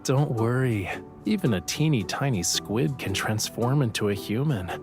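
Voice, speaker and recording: A man's voice: medium pitch, expressive, moderate pace, over music, close to an everyday voice. Rafayel, teasing young sea god played by a man. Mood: teasing, reassuring. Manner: playful, teasing. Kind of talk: romantic game voice acting.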